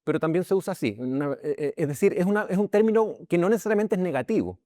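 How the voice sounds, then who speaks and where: A pastor with a Chilean accent teaches a Bible class conversationally, frequently checking in with his listeners and full of restarts and repeated words. His high-pitched, mellow voice is expressive and fast, recorded cleanly in a studio without echo.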